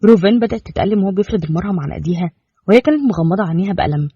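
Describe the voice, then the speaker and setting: Fast-talking Egyptian Arabic storyteller man. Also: high-pitched, lively intonation, dark tone, slightly rough, no echo. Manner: rapid, flowing storytelling. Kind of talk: scripted story narration. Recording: dull lo-fi dry recording.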